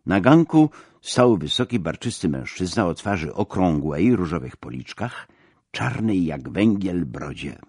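A man's voice: low voice, big pitch swings, a little slow, darkish tone, husky, no echo, clean studio sound. A man narrating an audiobook, telling the story expressively and dramatically.

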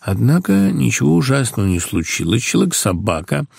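A man reads a satirical novel aloud with lively, expressive delivery. His voice swoops across a wide range with a gravelly texture, recorded dry and close. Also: mid-range voice, fairly quick, dry recording. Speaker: reader. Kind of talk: audiobook reading of a satirical novel.

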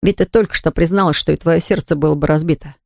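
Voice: medium pitch, fairly even intonation, fast talker, gravelly, darkish tone, no echo, clean studio sound, lightly acted. A reader voicing an ardent young man who earnestly begs his sweetheart. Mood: imploring. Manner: earnest, imploring.

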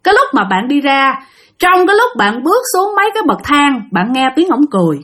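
A woman's voice: sits high, very animated, brisk, a bit bright. A woman with a Southern Vietnamese accent, narrating a ghost story in a chatty way and talking straight to her listeners. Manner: chatty, addresses listeners directly, acts out quotes.

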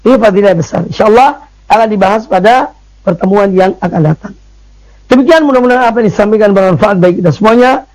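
Male preacher, very high voice, emphatic and repetitive lecture delivery. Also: quick pace, a little mellow, low-quality recording. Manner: emphatic, repeats phrases with frequent "ya" fillers. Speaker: Islamic preacher. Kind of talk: religious study lecture.

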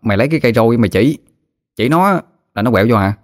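A man's voice: medium pitch, lively intonation, fast talker, pitched above the performer's own voice, natural voice. A man voicing a chubby, joking village boy, offhand and lazy.

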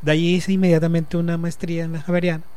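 In a clear, resonant tone, a journalist and lecturer in his fifties from the Colombian Caribbean coast talks as a guest in a relaxed radio interview. His voice sits a little high for a man, and he gives long, reflective explanations, pausing often and using small fillers as he thinks.

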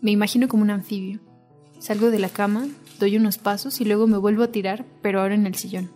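A woman speaks scripted narration for a documentary podcast, reflective and intimate. Her tone is mellow and dark at a middle pitch. Faint music plays behind her. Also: fairly even intonation, quick pace. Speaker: narrator and host.

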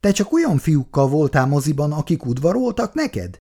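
A man's voice: on the high side, big pitch swings, dark tone, pitched above the performer's own voice. A man reading aloud, voicing an awkward young man who talks hesitantly and stammers. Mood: anxious, defensive.

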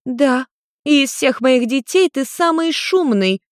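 A woman's voice: sits high, lively intonation, takes it slowly, dry recording, clean studio sound, voice pushed up. A woman voicing a middle-aged witch mother who is tipsy and teasing, drawling her words in a slurred, playful way.

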